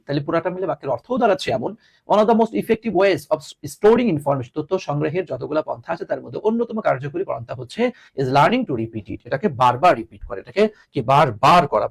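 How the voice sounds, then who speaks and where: A man's voice: on the high side, fast, creaky, breathy edge. A man teaching English grammar in a video lesson, repeating each point and asking his students rhetorical questions. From Bangladesh. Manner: lively, repeats points, asks rhetorical questions, teasing asides.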